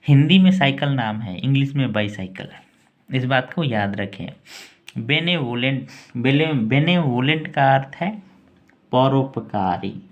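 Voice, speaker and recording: Slow, patient man teaching word pronunciation. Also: medium pitch, lo-fi sound. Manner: spells words letter by letter and repeats them slowly. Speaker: English teacher.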